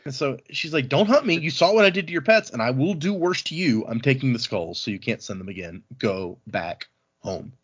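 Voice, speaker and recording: On lo-fi audio, a man's medium-pitched voice sounds animated, a little fast, and slightly rough. As co-host leading a book read-along podcast, he recounts the story informally and voices characters' lines in paraphrase.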